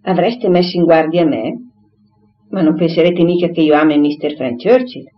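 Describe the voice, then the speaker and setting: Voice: mid-range voice, expressive, moderate pace, close to an everyday voice. A reader voicing Harriet, an eager young woman. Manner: breathless, exclaiming. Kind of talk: audiobook character reading. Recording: slightly dull recording, faint hiss.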